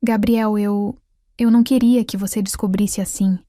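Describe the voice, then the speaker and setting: A woman's voice: mid-range voice, fairly even intonation, moderate pace, warm tone, no echo, studio quality, close to an everyday voice. Woman voicing a tearful, pleading young wife.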